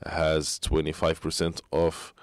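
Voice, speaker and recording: A man working as a conference interpreter, giving a live interpretation in halting, phrase-by-phrase delivery. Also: a bass voice, monotone, dry recording.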